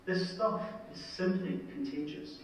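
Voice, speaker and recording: A Scottish man, an emergency department consultant, telling a story in a talk with wry humour and punchy, dramatic pauses, played from a video into a conference hall. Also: high-pitched, far from the mic, slight background noise. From Scotland. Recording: video played into an echoey hall, heard from afar.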